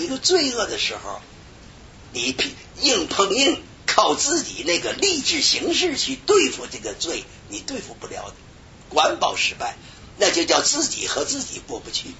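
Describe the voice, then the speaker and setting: A man preaching a sermon, telling a personal story with sudden shouted bursts. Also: huge pitch swings, normal speed, creaky. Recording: dull lo-fi recording with faint rumble.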